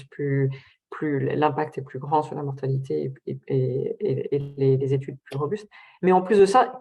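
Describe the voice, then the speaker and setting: A woman with a foreign accent, not a native French speaker, answering on a panel haltingly, searching for words and repeating them. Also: deep voice, mellow. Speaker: researcher on a webinar panel.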